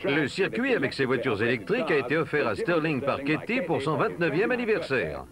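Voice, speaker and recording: A man giving bright, bouncy old newsreel commentary. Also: fairly high pitch, huge pitch swings, fairly quick. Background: loud music.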